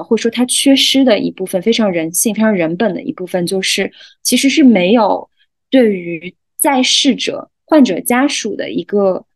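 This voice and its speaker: A young woman, a guest on a podcast, calmly explaining hospice care ideas in conversation. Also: medium pitch, dry recording, poor audio. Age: young adult. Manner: calm, explanatory.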